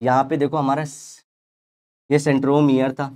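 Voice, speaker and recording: A man teaching a biology revision lecture, explaining in Hindi with English terms, reading textbook lines slowly and asking the class questions. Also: medium pitch, flat delivery, darkish tone. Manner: playful analogies, asks the class rhetorical questions.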